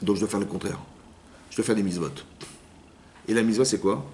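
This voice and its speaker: A man, a rabbi, giving a Torah lesson in a lively way, acting out little inner dialogues and often checking that his listeners have understood. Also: on the low side, a little fast, soft background music. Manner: lively, acts out inner voices, keeps asking "vous avez compris?". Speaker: rabbi teaching a class.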